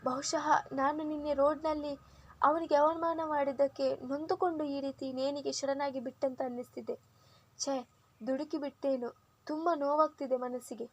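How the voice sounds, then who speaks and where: A woman's voice: high voice, dull audio, natural voice. A woman voicing a distressed young wife who speaks in a shaky, tearful voice.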